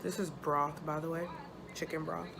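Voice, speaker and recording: A woman gives a casual personal update in a low voice full of vocal fry. She sounds uncomfortable and sore after surgery, pausing often as she talks. Noticeable background noise sits behind her. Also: flat delivery. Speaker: vlogger. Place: hospital room.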